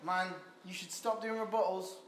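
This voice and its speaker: A man's voice: sits high, steady tone, moderate pace. A man rapping a crude, mocking battle verse. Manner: mocking, crude, laughing between bars. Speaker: battle rapper. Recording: echoey, noisy live venue.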